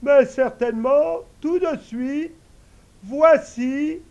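A man voicing an invisible male servant spirit in a storybook, speaking high and excited with devotion. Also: drawn-out words, highs cut off, exaggerated voice. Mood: eager.

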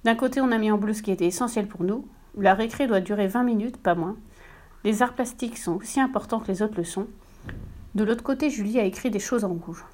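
A woman narrating a children's story in a gentle, steady manner. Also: medium pitch, a little fast. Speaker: reader.

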